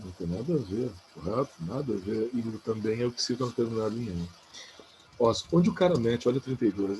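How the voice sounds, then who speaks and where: Relaxed male teacher, lowish voice. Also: slight background noise, rough recording. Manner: casual, talks through answers aloud with frequent "né?" and "beleza?". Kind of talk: recorded exam-prep lesson.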